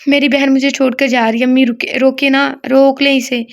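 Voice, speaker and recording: A woman's voice: high voice, flat delivery, normal speed, gravelly. A woman voicing a distraught young woman who is frantic about her sister, pleading and asking breathless questions.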